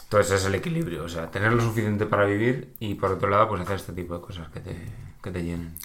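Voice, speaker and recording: A man's voice: low voice, fast talker, slight background noise. A man with a Peninsular Spanish accent, chatting casually on a podcast, telling stories with frequent laughter. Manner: animated storyteller, laughs often.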